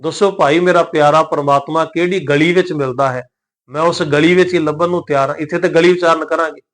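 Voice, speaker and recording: A man teaches scripture pronunciation in a calm, measured way. His voice sits a little high for a man. He slows down and draws out each verse as he recites it. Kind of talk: religious lesson on scripture pronunciation.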